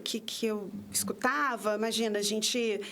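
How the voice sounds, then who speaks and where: Speaking at a measured pace with a steady tone, this fiftyish prosecutor from the São Paulo interior, Brazil, guests on a podcast in a conversational interview. Her mid-range voice is fairly bright, and she tells her story with hesitation and many restarts.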